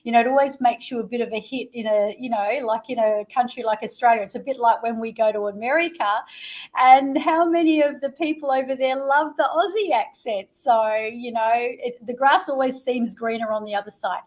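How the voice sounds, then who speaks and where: A woman's voice: a little high, brisk. A middle-aged woman hosting an interview show, talking with upbeat, promotional enthusiasm and dramatic emphasis.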